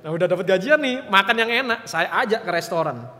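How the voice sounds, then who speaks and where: A man's voice: high-pitched, fast. A young man preaching a sermon, telling stories and speaking straight to the congregation. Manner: storytelling, animated, addresses congregation directly. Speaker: evangelist preacher. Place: church hall. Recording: long church hall reverb.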